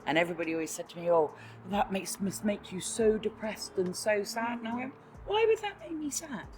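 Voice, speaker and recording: A woman's voice: medium pitch, lively intonation, a little fast, a crowd in the background. A woman in her fifties reflecting frankly in a documentary interview. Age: 50s.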